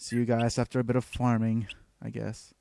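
A man thinking aloud over his video game in a rambling let's play commentary, full of fillers and pauses. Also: mid-range voice, completely flat delivery, vocal fry, mellow, slight background noise.

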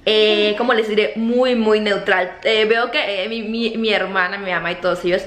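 A vlogger from Mexico, in her thirties, talks casually to a camera near her face in her kitchen, her Mexican Spanish accent softened toward neutral. She has a mid-range voice and a moderate pace. She's animated, using her hands, and her speech is full of fillers and repeated words, with the room echoing and a faint hum audible.

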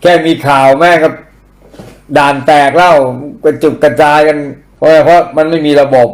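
A man's voice: fairly high pitch, fairly even intonation, moderate pace. Blunt, profane man ranting. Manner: blunt, profane, mocking, uses crude slang. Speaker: political commentary host. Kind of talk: casual ranting commentary.

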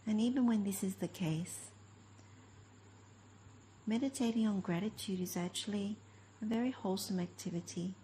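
Her mid-range voice relaxed and mellow, a woman leads a guided meditation, offering brief, gentle instructions with plenty of long pauses and no hurry. The recording is of low quality, with a bit of background noise.

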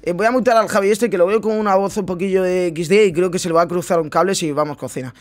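A man's voice: sits high, steady tone, fast, a little mellow. A young man, giving casual, slangy gameplay commentary full of swearing and addressing his viewers directly. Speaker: gaming streamer.

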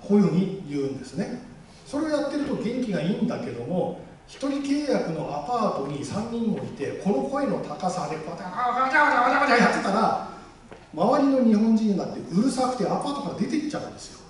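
Man, rally speaker, quick and lively with a raised pitch, heard from a distant mic in a booming hall. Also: slight background noise. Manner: animated, jokey, acts out quoted voices. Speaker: guest speaker at a campaign rally. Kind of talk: public speech to a live audience. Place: large public hall. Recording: echoey hall, mic far off.

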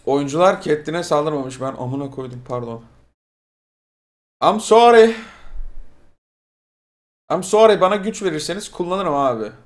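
A man from Turkey giving casual, crude, excitable commentary over a game he is playing, often shouting at it. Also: a little high, fairly quick, few pauses. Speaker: gamer streaming a playthrough. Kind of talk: casual Let's Play commentary. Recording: game music playing underneath.

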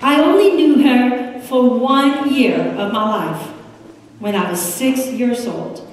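A woman's voice: on the high side, slow. A middle-aged woman pastor with a Puerto Rican accent preaching a sermon, gesturing as she speaks at the pulpit. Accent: Puerto Rican Spanish. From United States. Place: large church sanctuary. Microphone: room mic from a distance. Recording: echoey sanctuary from far off.

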